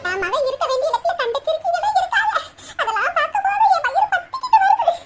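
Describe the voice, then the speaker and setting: A woman's voice: extremely high pitch, sing-song, quick pace, over loud music. A woman voicing a gossipy, scheming village woman with a Tirunelveli Tamil accent, wailing and taunting in a cartoon comedy. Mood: bitter. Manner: wailing, taunting, sing-song scolding. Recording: loud noisy hiss.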